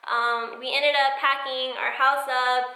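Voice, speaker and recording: An American woman giving a casual, rambling vlog update in an informal, chatty way, recorded in an echoey room with high ceilings. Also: little pitch movement, unhurried, sharp tone. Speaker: sewing vlogger. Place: indoors in new home, bare high-ceilinged room.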